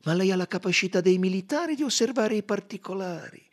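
A man's voice: high-pitched, lively intonation, quick pace, pitched above the performer's own voice. A man reading an audiobook, voicing a fussy, probing older male detective who questions in a coaxing, insistent way.

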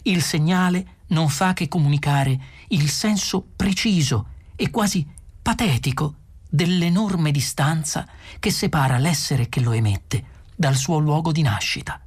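A man reading a novel aloud as an audiobook narrator, in steady, measured storytelling. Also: mid-range voice, breathy edge. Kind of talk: scripted narration.

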